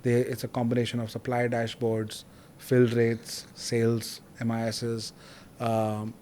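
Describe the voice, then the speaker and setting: A man hosting a podcast, telling stories in an animated, casual way. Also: medium pitch, a little hiss or hum. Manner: animated storyteller, quick bursts of detail. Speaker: podcast host. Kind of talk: casual interview chat.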